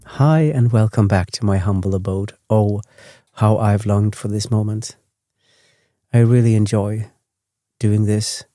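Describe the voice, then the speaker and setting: A Swedish man who speaks English as a second language hosts a sleep podcast, drifting through slow, rambling bedtime talk in a deep, mellow voice with a steady, barely moving tone. He's gently chatty, often correcting himself and straying off topic. The recording is dry and close, with no echo.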